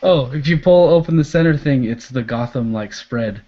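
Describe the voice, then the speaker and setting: Male podcast co-host, mid-range voice, relaxed and hesitant, dull lo-fi recording. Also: mid-range voice, normal speed. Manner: laid-back, hesitant, many fillers, trails off quietly. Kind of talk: casual chat.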